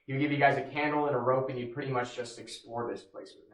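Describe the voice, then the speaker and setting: A man's voice: medium pitch, steady tone, fast talker. A man working as a cave tour guide, talking casually and jokingly to a group in an echoing cave. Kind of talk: informal guided tour talk. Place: inside a large cave.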